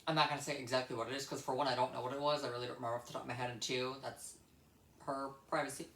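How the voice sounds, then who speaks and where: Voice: medium pitch, level tone, rapid-fire, fairly bright tone. A young adult vlogger talks in a casual, rambling storytelling style, recorded in an echoey room. The delivery is blunt and emphatic, circling back to repeat points and swearing freely.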